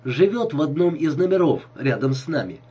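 A suave seducer speaks with false sympathy, as a male reader plays him. The voice is husky, and the intonation moves a lot. Audiobook character reading. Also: on the high side, sing-song, brisk, mellow, dull audio. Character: smooth-talking seducer man, nervous underneath.

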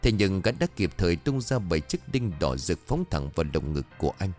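A man narrating a horror story in a dramatic, expressive way. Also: deep voice, fairly quick. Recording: faint background music.

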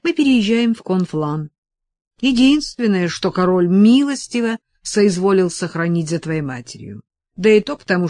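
A woman's voice: lowish voice, a little mellow, no room sound, clean studio sound, natural voice. A woman reading the lines of a grave, restrained aging nobleman in an audiobook, speaking earnestly.

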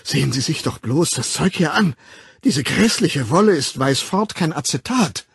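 A weepy, gossipy woman whines and pleads in a high, wildly swinging voice, put on by a man reading a storybook. The tone is husky, and the recording is dry and close, with no room sound. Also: lively intonation, moderate pace, no echo, exaggerated voice. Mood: pleading, tearful. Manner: high, pleading and whining, breaking into whispers. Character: distraught middle-aged woman, tearful, gossipy, self-pitying.

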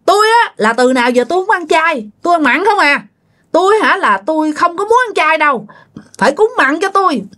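A woman puts on a furious ghost of a dead husband, ranting at his family. The voice is pushed well above a speaking woman's range and stays loud and scolding, lines snapping out in demands and threats. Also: high-pitched, lively intonation, a little fast, voice pushed up. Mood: threatening.

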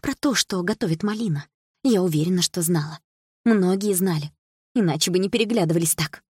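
A woman's voice: on the low side, brisk, slightly rough, no room sound, studio quality. A woman voicing a fierce, indignant teenage schoolgirl in an audiobook. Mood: accusing. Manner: intense and forceful.

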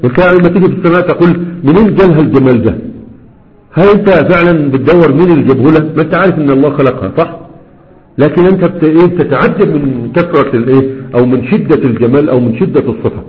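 Fast-talking Egyptian sheikh teaching grammar. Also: male voice, on the high side. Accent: Egyptian Arabic. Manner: explains with rhetorical questions and frequent comprehension checks. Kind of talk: classroom lecture. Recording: dull lo-fi recording.

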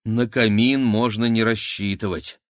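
A practical teenage boy who speaks in a matter-of-fact way, read by a male narrator. The voice stays low and unforced, recorded close and dry. It suits an adventure audiobook. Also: fairly even intonation, measured pace, dry recording, natural voice. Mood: glum. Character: practical teenage boy, level-headed twin brother. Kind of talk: audiobook character voice.

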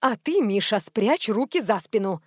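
A woman's voice: medium pitch, very animated, normal speed, a little mellow, no echo, clean studio sound. A woman reading an audiobook voices a flustered grandmother around sixty who scolds her grandchildren firmly. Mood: scolding. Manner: firm, scolding.

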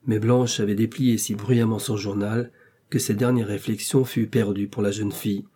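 Husky-voiced man reading a novel. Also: on the low side, flat delivery, normal speed, warm tone. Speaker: audiobook narrator.

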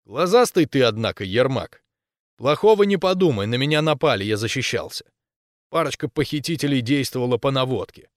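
A man's voice: mid-range voice, lively intonation, brisk, no echo, clean studio sound, natural voice. A man reading an audiobook and voicing a rude, mocking recluse who keeps threatening with a shotgun. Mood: gruff. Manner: rude, taunting, loud. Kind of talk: audiobook character voice.

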